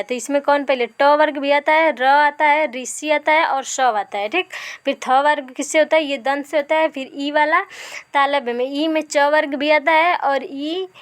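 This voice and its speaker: A woman teacher giving an exam revision lesson. She asks her own questions, answers them, and keeps checking in with "ठीक है". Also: high-pitched.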